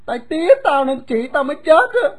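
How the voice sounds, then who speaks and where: A woman doing a loud, blunt runaway boy. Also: high voice, quick pace, voice pushed up, close to an everyday voice. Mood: indignant. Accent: Southern Vietnamese. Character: grieving runaway boy Quỳ, bitter and blunt.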